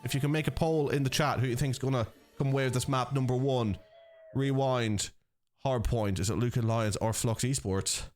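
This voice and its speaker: An Irish man casting and running a live esports stream, chatting and joking with viewers in a lively way over faint background music. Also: mid-range voice, moderate pace. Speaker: esports caster and organiser.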